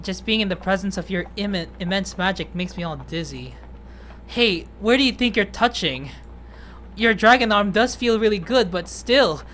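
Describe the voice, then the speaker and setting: A woman voicing a timid, petite young male yokai in a game read-through, speaking shyly and hesitantly with halting pauses. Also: mid-range voice, expressive, fairly bright tone, slight background noise, natural voice.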